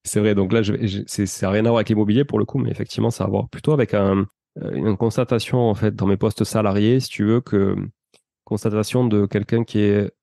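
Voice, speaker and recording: A lowish, gravelly, warm-toned man, recorded at studio quality with no echo, chats as an interview guest. Of Portuguese descent and from France, this entrepreneur and property investor explains at length about his own experience, informal, talkative and slangy.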